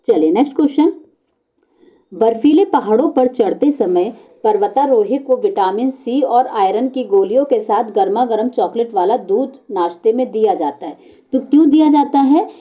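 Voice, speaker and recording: A woman teacher with a notably dark, mellow voice pitched a little high walks young students through quiz answers. She keeps asking the class rhetorical questions and answering them herself, repeating each answer. Her voice settles lower whenever she confirms the correct option. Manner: repeats key words and answers, calls out options to children. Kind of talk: exam-prep lesson walking through multiple-choice questions.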